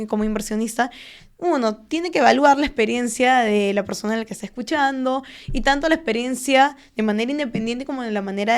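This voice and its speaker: A young woman with a smooth, resonant voice pitched a little high talks through finance as an interview guest. She explains in a measured, patient way, padding her thoughts with fillers and little "right?" tags. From Peru. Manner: measured, explanatory, frequent fillers and tag questions. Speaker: guest, stock trader and finance content creator. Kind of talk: conversational interview.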